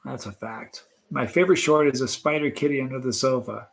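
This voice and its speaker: A man in his late fifties, the host of a live stream, chatting casually and reading viewer comments, animated and laughing often. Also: mid-range voice, a little fast, vocal fry. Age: 50s.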